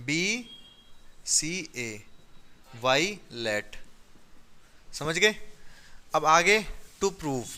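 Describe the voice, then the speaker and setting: A man's voice: a little high, sharp tone, smooth. A man teaching a maths lesson who keeps checking that students follow and keeps stressing the reasons behind each step. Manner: coaxing, checks understanding often.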